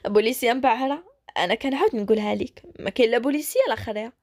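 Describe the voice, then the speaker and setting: A woman with a Moroccan accent voicing a gruff, protective older brother who talks stern and blunt. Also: a little high, rapid-fire, a little mellow, natural voice.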